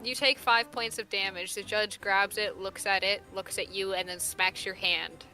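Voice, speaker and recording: Bright-voiced woman running a fantasy game. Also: medium pitch, fairly even intonation, moderate pace, soft background music, poor audio. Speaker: game master. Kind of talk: narrating a tabletop fantasy game.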